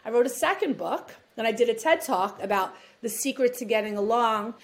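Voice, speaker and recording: A woman's voice: on the high side, a little fast. A woman with a New York accent, a divorce mediator talking in a rambling, chatty way on a podcast interview. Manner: chatty, rambling, self-deprecating laughs.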